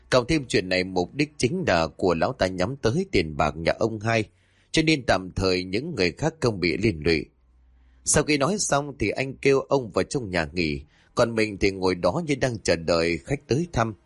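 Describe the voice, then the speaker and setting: A male storyteller narrating a ghost story with an animated read. His voice is low but swings widely in pitch. The recording is close and dry, with no room sound. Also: dry recording.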